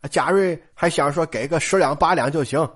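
A woman's voice: sits low, moderate pace, slight background noise. A woman telling a classic novel in a chatty, colloquial storytelling style, often addressing listeners directly.

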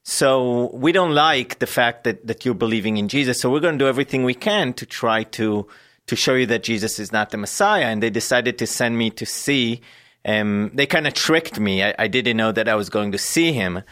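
A man from Israel, a guest in an interview, telling his life story earnestly and haltingly with many pauses and fillers. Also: mid-range voice, a bit bright.

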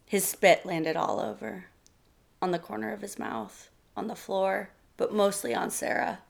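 A woman narrating a short story in a measured, steady way. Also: medium pitch, creaky.

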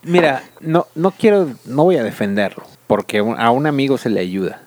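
A young man with a Mexican Spanish accent grills a friend in mock-serious, teasing questions, slangy and profane. His voice sits at a middle pitch for a man. The sound is dry and close. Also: big pitch swings, moderate pace, a little mellow, no room sound. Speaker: podcast co-host. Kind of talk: casual chat.

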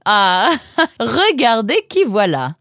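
A man's voice: high-pitched, sing-song, a little mellow, dry recording, clean studio sound, voice pushed up. Man doing a bustling mother. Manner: brisk, fussing.

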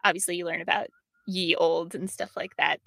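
A woman's voice: on the low side, fairly even intonation, a little fast, gravelly, fairly bright tone, no room sound. A young woman podcast host and document editor, talking thoughtfully in an interview and laughing often. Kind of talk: conversational interview.

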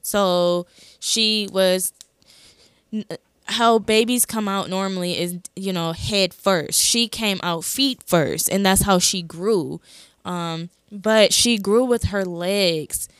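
A woman's voice: mid-range voice, slow, smooth, no echo, clean studio sound. A young woman hosting a podcast, telling a personal story in a casual, chatty way with lots of fillers. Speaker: podcast host. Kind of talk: casual chat.

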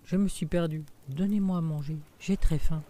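A man's voice: mid-range voice, normal speed, mellow, natural voice. A man doing a young peasant boy. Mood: frightened. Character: young peasant boy, timid but bold.

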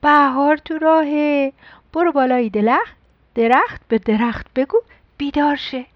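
A woman's voice: high voice, no room sound, dull audio, pitched above the performer's own voice, natural voice. A woman voicing an eager young boy who calls out news urgently.

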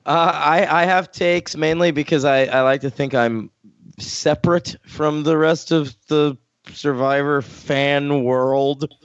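A man talks bluntly as a podcast guest. He has dry humor and a smooth, resonant voice. The sound is slightly muffled and dry. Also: on the high side, steady tone, slow, no echo. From New York. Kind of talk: casual podcast chat.

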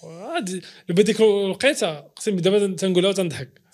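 A Moroccan man with a fairly high voice tells stories in a casual interview. He talks very quickly in Moroccan Arabic style, slipping into quoted dialogue and stressing points with oaths. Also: a little mellow. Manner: acts out quoted dialogue, swears oaths for emphasis. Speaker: interview guest, footballer. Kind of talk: casual, animated personal storytelling.

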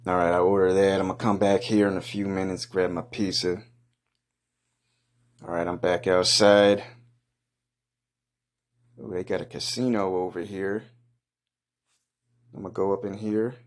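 Casting: low-pitched male for off-the-cuff, foul-mouthed, slangy first-person narration with a blunt, mocking edge. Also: flat delivery, unhurried, pauses often. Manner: crude, profane, slangy. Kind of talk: casual improvised first-person running commentary.

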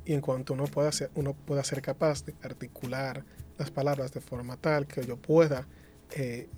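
A man speaking on a discussion panel, measured and careful, restating phrases as he refines his point. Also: medium pitch, level tone, warm tone. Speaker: panel guest.

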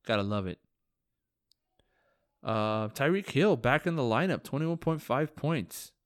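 A man talks through a casual fantasy football podcast recap, tired and yawning but still joking and teasing his league friends. His voice is smooth and resonant, sitting at an everyday pitch. The recording is dry and close with no room sound. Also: lively intonation, a little slow, no echo.

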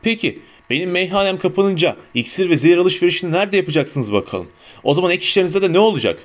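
A man voicing a grumpy, defiant old male barman with a hoarse, gruff voice in an audiobook reading. He barks scornful retorts. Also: high-pitched, expressive, fast talker, voice pushed up. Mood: angry, scornful. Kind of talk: audiobook character voice.

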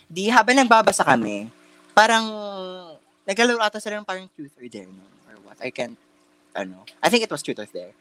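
Pitched high and swooping wildly, this young podcast co-host talks fairly quickly in a pushed, bright voice. He spins a story in casual mixed Tagalog and English, loaded with fillers, restarts, and campy slang.

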